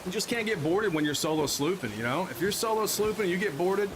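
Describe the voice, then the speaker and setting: A man streams a game live, chatting casually with viewers in a high-pitched, expressive voice and talking fast. He rambles, corrects himself, often restarts sentences, and has hiccups, with background noise in the mix.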